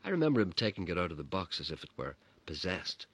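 Male storyteller, wry and dry; low-pitched, very lively delivery, bright tone. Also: fast talker, breathy edge. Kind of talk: personal story narration.

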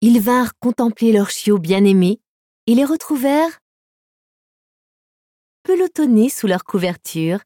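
Mellow-voiced woman reading a children's story. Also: a little high, lively intonation, unhurried, long pauses, dry recording, clean studio sound. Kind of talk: scripted audiobook narration.

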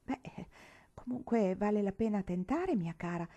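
A gentle, practical mother, as a woman reading a novel puts her on. She reasons calmly in a mellow, warm voice. A storybook parent, steady and sensible. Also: medium pitch, a little slow, muffled recording. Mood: calm reasoning. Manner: calm, reasoning.

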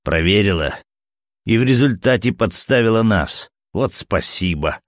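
Guy doing a gruff irritable doctor, snappy, sardonic, low deep voice. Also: a little slow, dry recording, studio quality, lightly acted.

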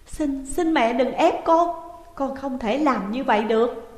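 A woman's voice: sits high, unhurried, voice pushed up. A woman voicing a nineteen-year-old daughter who pleads through tears with her parents. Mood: sobbing, pleading. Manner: tearful, pleading. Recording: echoey room with long reverb.

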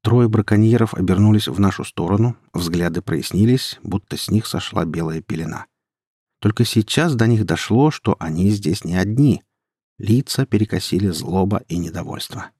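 Low, husky male storyteller. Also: moderate pace, mellow, dry recording, studio quality. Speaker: audiobook narrator. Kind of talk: first-person story narration.

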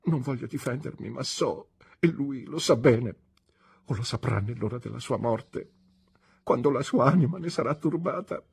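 A woman reading an audiobook, voicing a gentle young woman who pleads softly and tearfully. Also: a bass voice, expressive, drawn-out words, vocal fry, hardly any pauses, breathy edge, voice pushed up, exaggerated voice. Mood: pleading.

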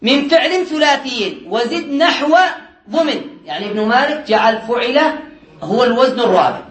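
A man teaching a classroom lesson on Arabic morphology to students, drilling word patterns by repetition, quizzing them with quick questions he answers himself, and joking lightly. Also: very high-pitched, animated, reverberant. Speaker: Islamic studies teacher.

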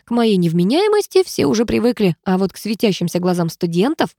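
A woman narrating an audiobook in lively first-person storytelling. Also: mid-range voice, a little fast, dry recording, studio quality.

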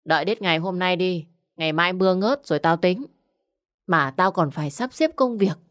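Woman voicing a rude middle-aged village man, scornful, curt, fairly low voice. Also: moderate pace, natural voice. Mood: scolding.

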